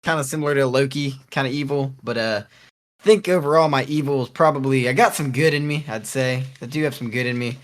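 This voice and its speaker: Man, podcast co-host, middle pitch, rambling, cocky joking. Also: quick pace. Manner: cocky, rambling, laughs often. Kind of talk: casual podcast chat.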